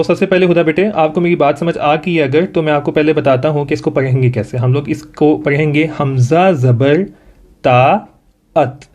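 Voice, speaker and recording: A man with a Pakistani accent teaching Quran reading one-on-one, patient, modeling each sound slowly for his student to repeat. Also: fairly high pitch, a little mellow.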